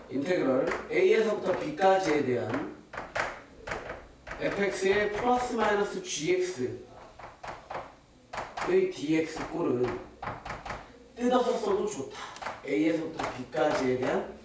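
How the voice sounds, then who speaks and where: A man's voice: a little high, sing-song, extremely slow, pauses often. A man teaching a math class, quizzing his students and answering his own questions. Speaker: math tutor. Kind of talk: classroom lecture. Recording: echoey classroom, distant mic, hiss.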